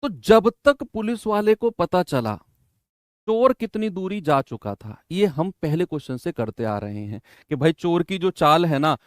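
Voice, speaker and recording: A man's voice: sits high, clear, resonant tone, dry recording, studio quality. A man teaching an exam-prep math lesson in Hindi, coaching students in a chatty way and often checking with "है ना?".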